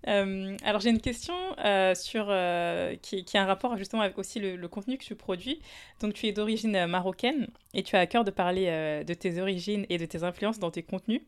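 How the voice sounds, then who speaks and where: A woman hosts a casual podcast interview. She frames her questions slowly and hesitantly, with plenty of fillers. Her tone is conversational. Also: mid-range voice, clear, resonant tone. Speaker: podcast host.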